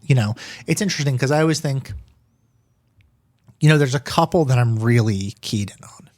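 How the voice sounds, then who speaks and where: A man's voice: medium pitch, moderate pace, darkish tone, no room sound. Rambling male podcast co-host, dry sound. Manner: rambling, hesitant with restarts. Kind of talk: casual chat.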